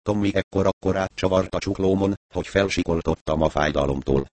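A man narrates a first-person story in a steady storytelling manner. His voice is very deep. The recording is dry and close. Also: no echo. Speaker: reader.

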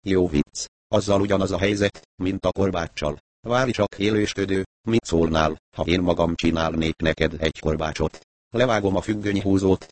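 Man doing a bold, crude young woman in an audiobook; deep, dry, taunting delivery. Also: no room sound, natural voice. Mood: scornful.

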